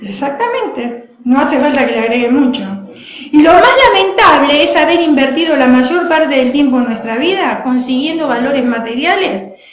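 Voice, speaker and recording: A woman preacher giving a sermon, animated and laughing, acting out other people's voices. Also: high-pitched, normal speed, reverberant.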